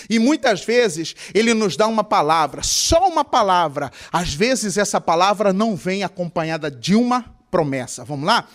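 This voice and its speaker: A male pastor with a Mato Grosso Brazilian Portuguese accent, preaching with a high voice that leaps up and down. He fires questions at the congregation and slips into whiny, tearful voices to act out the people he talks about. His delivery is animated and theatrical. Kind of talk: sermon.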